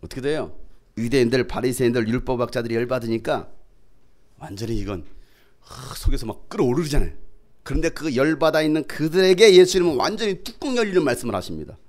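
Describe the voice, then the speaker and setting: A middle-aged pastor preaching a sermon, fiery and dramatic, who often shouts to drive home his point. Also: medium pitch, expressive, fast.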